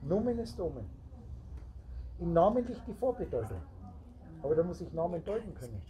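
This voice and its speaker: A man with a fairly high, warm voice lectures briskly and very animatedly as a spiritual teacher to a small group in a meeting room. He rambles, plays on word roots and talks directly to his listeners, and the low-quality recording also catches the group chattering.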